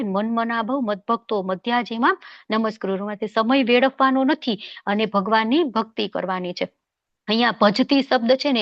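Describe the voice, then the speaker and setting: A woman with a fairly high voice leads a devotional scripture class. She talks in a chatty, questioning way, often checking that her listeners follow along. The sound is dull and lo-fi, with a dry, close feel. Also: no room sound. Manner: conversational, asks rhetorical questions and checks for agreement. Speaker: Bhagavad Gita class teacher.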